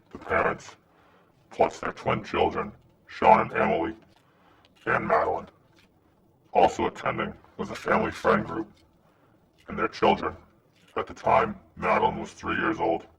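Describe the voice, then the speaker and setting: A man reading a scripted anonymous message in a disguised, pitched-down voice. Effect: disguised voice, pitched down and gravelly. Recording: noisy, distant-sounding recording.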